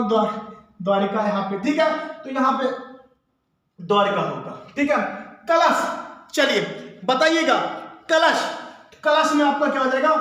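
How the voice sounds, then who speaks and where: High bright echoey male teacher. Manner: drills by asking questions and answering himself. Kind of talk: exam-prep classroom lesson. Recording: very echoey room.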